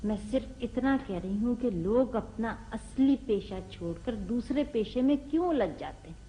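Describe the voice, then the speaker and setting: An actress playing a sharp-tongued sarcastic mother. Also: on the high side, animated, normal speed, lightly acted, low-quality recording. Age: middle-aged. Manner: sarcastic, scolding. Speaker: mother and wife. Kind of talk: classic television comedy drama acting.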